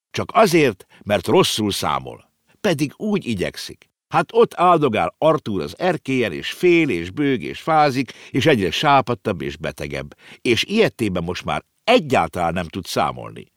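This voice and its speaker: A man's voice: no room sound, clean studio sound. A man voicing an earnest, know-it-all little girl in an audiobook reading. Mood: explaining. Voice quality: high, lively, explaining.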